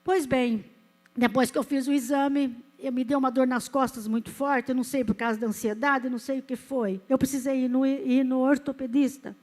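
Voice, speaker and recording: A woman's voice: high-pitched, fairly even intonation, moderate pace, a little mellow. A woman in her fifties with a Brazilian Portuguese accent, a pastor giving an earnest, emotional sermon with a personal testimony. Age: 50s. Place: church.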